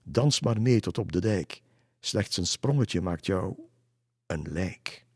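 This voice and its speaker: A man's voice: low-pitched, expressive, takes it slowly, husky, no room sound, studio quality, full character voice. A man voicing a taunting shape-shifting fiddler spirit. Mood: mocking song.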